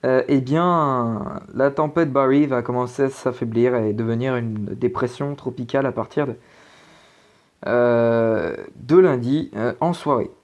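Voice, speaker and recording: Speaking at a measured pace in a mid-range voice, an amateur weather presenter walks through the forecast over maps. He's casual and unsure, leaning on fillers and restarting sentences repeatedly.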